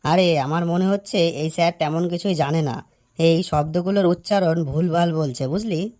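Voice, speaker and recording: A man's voice: fairly high pitch, moderate pace, darkish tone, lightly acted. Man doing a cheeky cartoon schoolboy. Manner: teasing, scolding. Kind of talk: animated cartoon voice acting.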